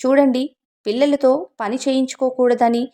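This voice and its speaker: A woman's voice: sits high, flat delivery, moderate pace, warm tone. Firm woman lawyer, direct questions, courtroom storybook figure, read by a woman.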